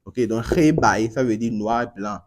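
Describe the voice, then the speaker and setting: A man's voice: fairly low pitch, moderate pace. A man coaching a class on Chinese pronunciation, drilling students and repeating words energetically.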